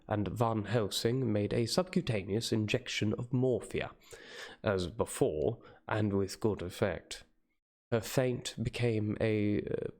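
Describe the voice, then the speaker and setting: Man giving a dramatic book reading. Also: fairly low pitch. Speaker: reader. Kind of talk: dramatic audiobook-style narration.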